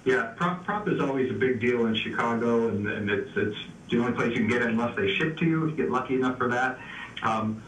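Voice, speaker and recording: A man's voice: medium pitch, fast talker, a bit bright. Easygoing man on an echoey far-off line. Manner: easygoing, explains with frequent "uh" and restarts. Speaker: beer news contributor. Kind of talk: casual radio chat. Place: remote call into a radio show. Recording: echoey, distant, faint background noise.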